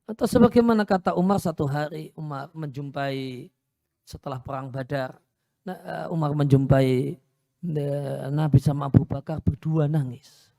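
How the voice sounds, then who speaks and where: Guy giving a sermon, mellow voice, dry close sound, repeats himself to drive points home. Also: on the high side, normal speed, gravelly, long pauses, dry recording. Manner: storytelling, repeats phrases for emphasis. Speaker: Islamic preacher. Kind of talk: sermon lecture. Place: Islamic boarding school.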